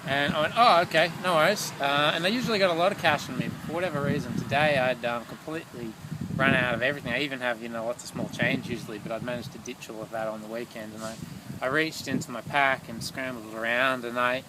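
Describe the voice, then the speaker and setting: A worn-out male long-distance runner vlogs alone after a long run, musing aloud in a casual, reflective video diary. His mid-pitched voice is steady and quick, rambling and thoughtful with lots of fillers, over heavy outdoor traffic noise.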